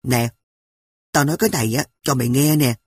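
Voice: mid-range voice, a little fast, darkish tone, breathy edge, natural voice. A storyteller voicing a young boy who whispers secrets and talks back defensively. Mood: conspiratorial. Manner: conspiratorial, defensive. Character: young boy, the older brother, bluffing. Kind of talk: audiobook character voice.

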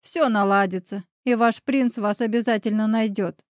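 Easygoing bearded neighbor guy, teasing and friendly, read by a lady with a higher voice, dry close sound. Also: steady tone, normal speed, no echo, natural voice.

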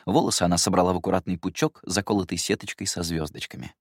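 A man reading a first-person story aloud in a calm, measured way. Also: low voice, no room sound, studio quality. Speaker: audiobook reader. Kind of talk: first-person audiobook narration.

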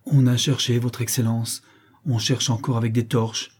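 A man's voice: mid-range voice, flat delivery, normal speed, darkish tone, husky. A man voicing a hesitant, deferential male house servant in an audiobook. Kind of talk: audiobook character reading.

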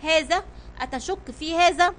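A woman's voice: high voice, fast, sharp tone, slight background noise. A woman voicing a worried male sailor in a storybook, exclaiming anxiously.

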